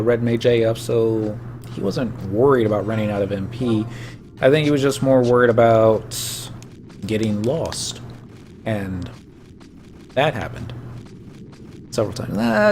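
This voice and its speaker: A man chatting loosely while he plays, drifting from one old game story to the next. His voice sits at an ordinary middle pitch, and a faint hiss runs under it. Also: expressive, a little slow, a little mellow. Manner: rambling, anecdotal storytelling. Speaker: gameplay streamer. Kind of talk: casual gameplay commentary.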